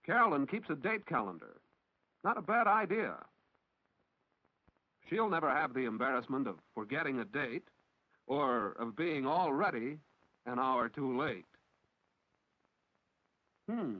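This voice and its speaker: A man's voice: medium pitch, very animated, measured pace, pauses often, dry recording. An American man narrating a 1940s instructional film like a newsreel narrator, in an instructive, approving way. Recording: dull, lo-fi 1940s film soundtrack.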